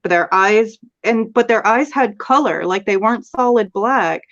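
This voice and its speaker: A woman's voice: fairly high pitch, moderate pace, dull audio. A woman guest in a casual live-stream chat, speaking hesitantly with many fillers and trailing off.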